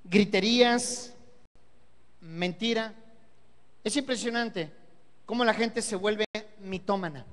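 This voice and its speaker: A man's voice: high-pitched, takes it slowly, long pauses, a bit bright. A man with a Mexican Spanish accent preaching a Sunday sermon as pastor, emphatic, repeating key words and asking rhetorical questions. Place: church service hall. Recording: long reverb of a church hall.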